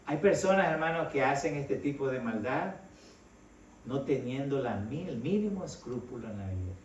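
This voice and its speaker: Preacher in an echoey hall. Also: male voice, medium pitch, recorded from a distance, a little hiss or hum. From El Salvador. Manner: conversational preaching, addresses listeners as brother, rising emphasis. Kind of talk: sermon. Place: church hall.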